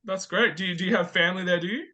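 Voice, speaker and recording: A man hosting an interview show, upbeat and quick to affirm his guest. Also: sits high, pushed and bright. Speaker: podcast host.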